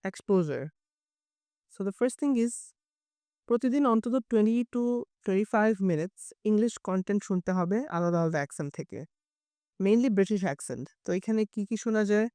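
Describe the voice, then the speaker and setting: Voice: mid-range voice, a little mellow, smooth, dry recording, clean studio sound. An IELTS teacher with a Bengali accent gives a bilingual lesson, explaining carefully and repeating example words to demonstrate them.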